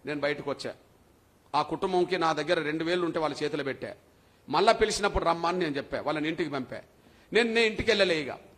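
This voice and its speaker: A man's voice: on the high side, quick pace, fairly bright tone. A man with a Telangana Telugu accent giving a public speech at a meeting, telling a story with passion and repetition. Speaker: speaker at a community leaders' meeting.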